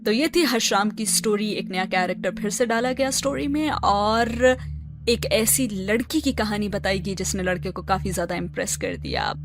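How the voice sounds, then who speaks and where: A woman host reads a novel aloud and then chats about it in a relaxed, conversational way. Steady music plays beneath her voice throughout. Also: mid-range voice. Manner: relaxed, chatty commentary. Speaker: storyteller and channel host. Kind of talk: novel reading and review. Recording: narration over background music. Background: background music.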